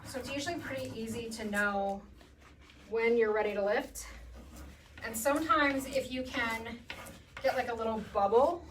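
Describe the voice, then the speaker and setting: A woman's voice: a little high, a bit bright. A woman hosting a live furniture painting demo, chatting casually and reading viewer comments aloud. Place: paint room. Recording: distant mic with background noise.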